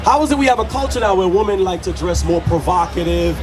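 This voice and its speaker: On a city street, a Jamaican man preaches in a fairly high voice with lively intonation and a quick pace, lecturing, firing off questions and often rising to a shout. Around him outdoors, music plays and a loud crowd carries on.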